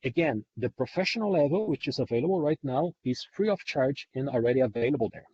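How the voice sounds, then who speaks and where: Fast and expressive, the non-native English-speaking man presenting this training webinar has a medium-pitched, husky, slightly mellow voice. He repeats and rephrases for emphasis, and the recording is dull lo-fi webinar audio.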